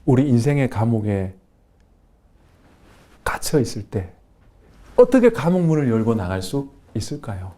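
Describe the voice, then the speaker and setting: A man's voice: medium pitch, sing-song, moderate pace, long pauses, dark tone. A male pastor, preaching a sermon in a church with emphatic, repeated affirmations.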